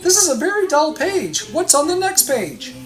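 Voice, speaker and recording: Woman doing Grover, a frantic high monster. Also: sing-song, faint music behind. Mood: frantic pleading. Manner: frantic, pleading, drawn-out begging. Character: anxious furry male monster, timid and pleading. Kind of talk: storybook read-aloud.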